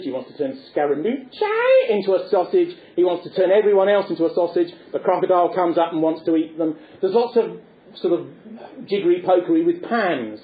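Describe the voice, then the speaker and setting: A man giving a discursive lecture in a wry, erudite, digressive manner. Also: high-pitched. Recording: echoey tinny phone-like recording.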